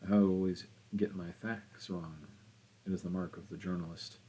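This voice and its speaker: A man voicing a smooth, politely disdainful male journalist who talks insolently, in an audiobook reading. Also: sits low, fairly even intonation, normal speed, warm tone. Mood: mocking. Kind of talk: audiobook character voice.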